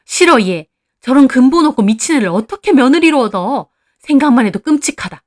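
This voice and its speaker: Furious older mother-in-law, as a woman puts her on, high pitched, loud, yelling, storybook drama. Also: expressive, brisk. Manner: yelling insults.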